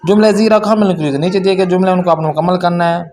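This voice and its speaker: A man teaching a language class, explaining a workbook and reading example sentences slowly and carefully. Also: high voice, a little mellow, slight background noise.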